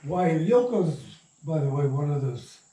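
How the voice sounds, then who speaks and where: Interviewed as a guest, an older man reminisces with casual, rambling anecdotes in a warm, expressive, slightly high voice at a normal speed. He sounds distant from the mic, with a roomy echo.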